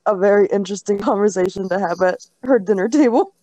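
A young woman with an everyday mid pitch trades stories on a podcast. She is blunt, swears freely and laughs often, recorded close in a dry room. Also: quick pace, mellow, no echo. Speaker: podcast co-host. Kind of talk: casual chat.

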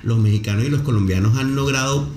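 Talking fast in a mid-range, slightly mellow voice, this man hosts a podcast interview, holding forth effusively and defining marketing jargon for his audience. Faint music plays in the echoey room where he records.

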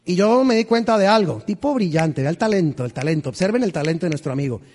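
A male pastor tells stories from the pulpit with humor and lively energy, tossing questions out to his congregation. His voice sits a bit high for a man. The sound carries a long, reverberant tail from a large church hall. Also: quick pace. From Colombia. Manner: animated, humorous, quizzes the congregation. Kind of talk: storytelling sermon.

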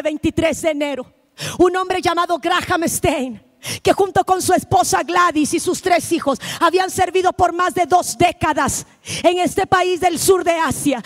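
A woman preaching a missionary sermon, impassioned, swinging between shouted lines and hushed ones. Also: very high voice.

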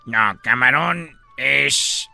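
A man's voice: mid-range voice, extremely slow, vocal fry, bright, forceful tone, soft background music, exaggerated voice. A man voicing a boastful, absurd old male genie sage in a radio comedy sketch, making solemn mock-wise pronouncements. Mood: scornful.

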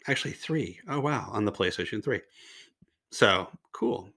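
An older man hosting a solo podcast in a casual, rambling way, sounding nasal and slightly raspy with a mild cold and laryngitis. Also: fairly low pitch, expressive, a little slow, bright, forceful tone. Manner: rambling, conversational, self-interrupting asides. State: mild laryngitis and nose congestion. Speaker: podcast host.

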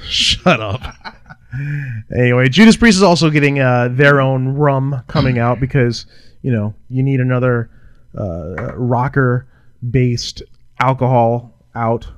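A man's voice: mid-range voice, measured pace, clear, resonant tone, no room sound, studio quality. A man co-hosting a show in casual banter, with a blunt, teasing, informal way of talking. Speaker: podcast co-host.

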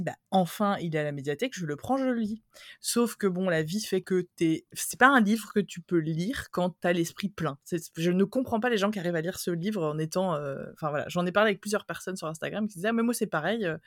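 A woman co-hosting a casual book podcast, chatting in a relaxed, hesitant and playful way. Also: lowish voice, quick pace, few pauses, dry recording, clean studio sound. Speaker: podcast co-host. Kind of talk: casual chat about books.

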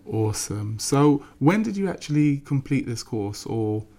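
Interview host, mid pitch, brief and encouraging prompts. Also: sing-song, unhurried, mellow. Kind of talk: casual interview.

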